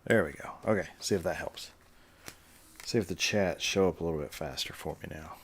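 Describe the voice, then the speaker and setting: A man's voice: low-pitched, fairly quick, a little hiss or hum. A man casually chatting on a livestream while stitching, explaining his steps and answering the chat. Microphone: webcam livestream setup.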